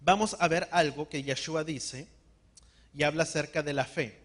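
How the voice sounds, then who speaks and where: A man preaching a sermon, calling on the congregation to repeat words after him and slowing down to stress key words. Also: fairly high pitch, steady tone. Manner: call-and-response, has the congregation repeat words. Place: church hall.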